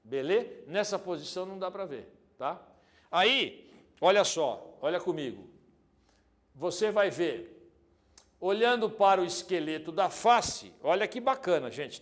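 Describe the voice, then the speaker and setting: A man teaching an anatomy video lesson, lively and joking, speaking straight to the student and swinging between loud and soft. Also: high-pitched. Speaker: exam prep teacher.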